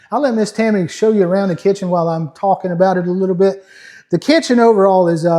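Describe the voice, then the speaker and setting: High-pitched, mellow man giving a folksy tour. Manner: folksy, chatty, addresses viewers as guys. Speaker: host of a tiny house tour channel. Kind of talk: casual unscripted walkthrough narration.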